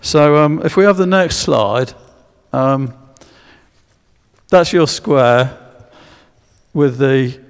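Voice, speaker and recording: A man gives a history lecture in a church, pausing on fillers and restarting his sentences as he asks the audience for guesses. His voice has a gravelly, creaky edge at a middling pitch. The church hall's long echo trails after his words. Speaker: speaker giving a history talk. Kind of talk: public lecture with slides.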